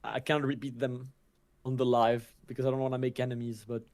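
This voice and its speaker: A man's voice: medium pitch, level tone, brisk, darkish tone. A young man co-commentating a card game livestream in a casual, slangy way, often stumbling and restarting.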